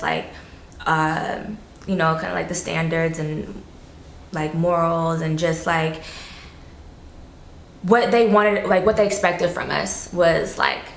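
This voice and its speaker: A woman's voice: lowish voice, gravelly, a bit bright, reverberant, slight background noise. A woman from South Florida, chatting loosely as an interview guest, full of fillers and casual swearing.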